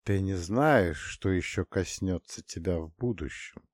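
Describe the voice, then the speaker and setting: A man voicing a cold, menacing male spirit of death, speaking slowly and ominously in a storybook. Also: sits low, no room sound, clean studio sound.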